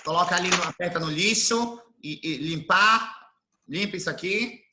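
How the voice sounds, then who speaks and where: A man from Brazil teaching an online class, explaining things slowly and repeating his definitions. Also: sits high, background noise. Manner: slow, didactic, repeats definitions. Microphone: computer mic on video call.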